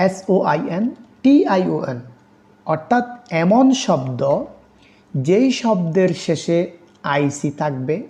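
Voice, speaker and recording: A woman giving an exam-prep lecture on English grammar, reading English definitions slowly and spelling out letters. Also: sits low, warm tone. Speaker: English teacher.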